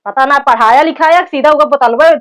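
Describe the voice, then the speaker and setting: A woman's voice: high-pitched, brisk, fairly bright tone. A woman with an Awadhi accent playing a bitter, complaining young daughter-in-law in a village comedy sketch. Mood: bitter, scolding. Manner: complaining, taunting. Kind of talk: rural comedy sketch acting. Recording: clear background noise, clicks.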